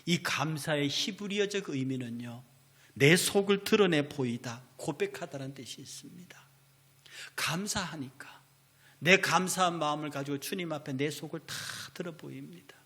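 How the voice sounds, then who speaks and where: A middle-aged male pastor giving a sermon, swinging between forceful declarations and whispered asides. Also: on the high side, moderate pace, breathy edge. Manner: impassioned preaching that swings from loud to whispered asides.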